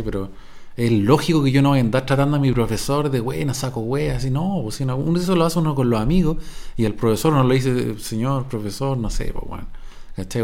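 A man with a Chilean accent talks through his opinion as a podcast host. His delivery is loose and slangy, full of filler and tag questions. His voice sits at an ordinary middle pitch. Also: a little mellow. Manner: slangy, rambling, peppered with cachai. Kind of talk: casual opinion monologue.

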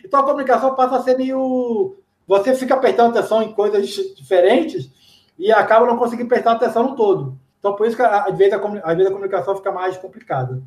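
High-voiced Brazilian man in an echoey room. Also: darkish tone. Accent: Brazilian Portuguese. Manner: chatty, slangy, tells anecdotes with quick asides. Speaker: interviewee. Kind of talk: casual chat.

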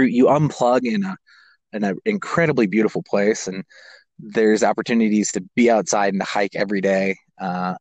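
A fairly low-pitched man, recorded with no echo, appears as a podcast guest and shares personal stories in a relaxed interview. He is in his 20s and is an American who grew up in Kazakhstan and Japan.

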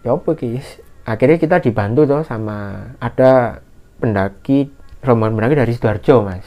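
A man telling a mountain story in casual conversation, acting out the shouted lines of others in a raised voice. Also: normal speed. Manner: animated, acts out shouted quotes in a higher voice. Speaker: guest storyteller. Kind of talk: casual spoken horror story.

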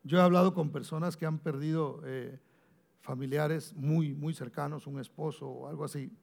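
A male pastor preaching a sermon, calling listeners brother, repeating phrases for emphasis and swinging from loud to hushed. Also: on the high side, steady tone, normal speed, vocal fry.

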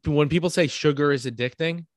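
A man's voice: a little high, brisk, no room sound, studio quality. New York man explaining casually. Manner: explains with everyday examples, frequent "right?" check-ins. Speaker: podcast co-host.

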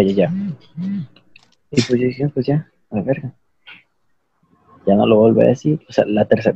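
A man's voice: medium pitch, creaky, mellow, husky, no room sound, highs cut off. A young man with a Mexican accent telling a rambling, slangy, self-mocking story to friends on a call.

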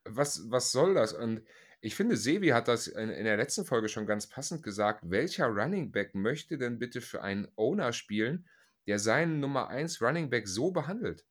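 A man's voice: medium pitch, animated, normal speed. A man hosting a casual sports podcast, talking through the news in a conversational, explanatory way. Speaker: podcast host. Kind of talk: casual chat.

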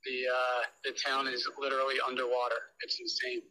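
A man's voice: mid-range voice, wildly swooping pitch, bright, forceful tone, slight background noise, poor audio. Older man over a speakerphone. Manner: halting, with many "uh"s, plain-spoken. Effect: heard over a phone on speakerphone. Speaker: caller, host's father. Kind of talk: casual phone call.

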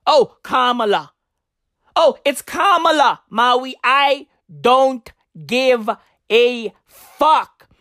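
Speaking very slowly in a high-pitched voice, a female comedian whose native language is Tswana launches into a profane, slang-filled stand-up rant. She's from southern Africa, and her delivery is animated and rambling. Studio-quality sound, no room noise.

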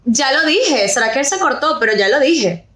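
A young Venezuelan woman with a high voice tells a story on a chatty podcast. She talks in an animated way and slips English words into her Spanish. The room adds a noticeable echo. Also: moderate pace. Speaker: podcast co-host. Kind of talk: casual storytelling chat. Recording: roomy echo.

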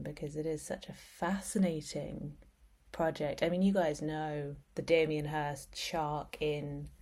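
A woman's voice: sits low, warm tone. A woman host talking casually and enthusiastically to her listeners. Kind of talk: casual solo chat to listeners.

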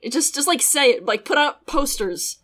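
A woman's voice: high voice, lively intonation, normal speed, a bit bright. A woman co-hosting a podcast, recapping an anime episode in casual, sarcastic chat, often laughing and swearing now and then. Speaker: podcast co-host.

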